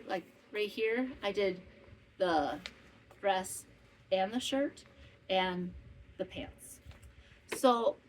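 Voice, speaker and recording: A woman in her fifties from northwestern Wisconsin talks through a casual podcast at home in a middle-pitched voice. She rambles easily, adding asides and correcting herself as she goes. A fan hums faintly in the background. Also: poor audio. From northwestern Wisconsin, US Midwest. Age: 50s. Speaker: podcast host and maker. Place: home in summer heat with a fan running. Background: faint fan hum.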